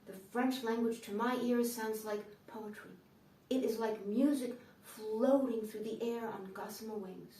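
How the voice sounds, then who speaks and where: A woman's voice: a little high, steady tone, unhurried, mellow. American woman comic, dry sardonic stand-up monologue, recorded in an echoey room from a distant mic. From United States. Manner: dry, sardonic delivery with playful asides. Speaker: comedian.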